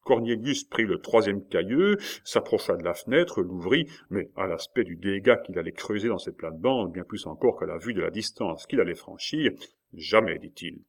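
A man reading a classic novel aloud as expressive audiobook narration. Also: low voice. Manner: measured, expressive storytelling. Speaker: audiobook reader.

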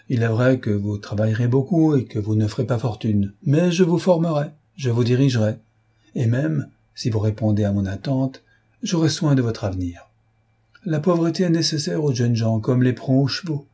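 A man's voice: mid-range voice, lively intonation, moderate pace, warm tone, breathy edge. A man reading an audiobook, voicing a pompous, stingy older male scholar who lectures his young assistant. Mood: patronizing. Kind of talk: audiobook character voice.

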